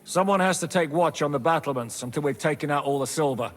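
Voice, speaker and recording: An actor playing a mercenary captain in a game, giving brisk orders. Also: male voice, fairly high pitch, close to an everyday voice. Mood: commanding. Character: commanding mercenary captain, man.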